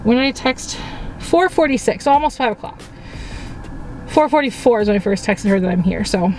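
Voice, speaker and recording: A woman's voice: on the high side, animated, brisk, a little mellow. Woman vlogger, casual to-camera chat, dry sarcastic edge, city traffic noise audible. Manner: chatty, wryly sarcastic. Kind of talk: casual vlog narration to camera. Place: outdoors in a city, at a convention. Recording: noisy outdoor city street.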